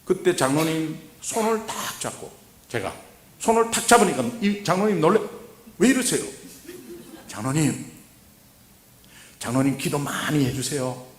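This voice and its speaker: A man preaching at a revival, telling a story and then exhorting, moving from hushed recounting to loud urging. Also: on the high side, sing-song, measured pace, pauses often. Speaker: guest preacher. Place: church sanctuary. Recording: echoey church hall.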